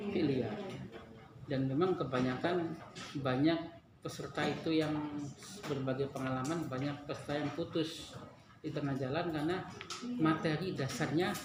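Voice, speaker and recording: Male teacher, fairly high voice, patient, repeats terms, very echoey classroom, background noise. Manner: patient, laughs often, repeats key terms. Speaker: Arabic teacher. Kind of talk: classroom grammar lesson.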